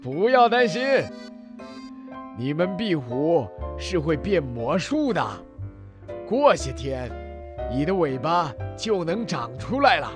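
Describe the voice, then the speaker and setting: A jolly, wise grandpa in his seventies, acted by a man, laughs warmly and speaks slowly, his voice rising and falling in a lively way. Soft music plays behind him. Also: fairly high pitch. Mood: jolly, reassuring. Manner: hearty, reassuring, slow. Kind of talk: children's storybook voice acting.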